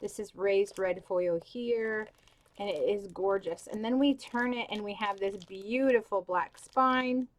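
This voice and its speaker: A young woman chats to camera about books in a casual, gushing way, her speech loose and full of "like" and "um". Her voice sits at an ordinary middle pitch, and she has the hiccups. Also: unhurried. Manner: gushing, filler-heavy, with many "like" and "um". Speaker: book vlogger.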